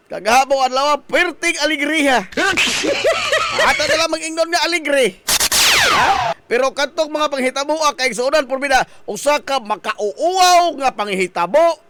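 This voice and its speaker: A man's voice: very high-pitched, lively intonation, moderate pace, slight background noise. A man with a Visayan accent hosting a morning radio show, chatting playfully, singing lines and laughing. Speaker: radio host. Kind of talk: casual radio talk. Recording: loud music bed behind voice.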